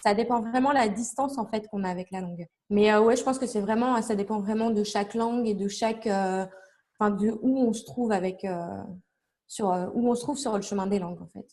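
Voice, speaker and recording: A woman's voice: mid-range voice, brisk, a little mellow. A young woman being interviewed, talking casually and at length, with many fillers and restarts as she explains things with examples. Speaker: interview guest, language learning blogger.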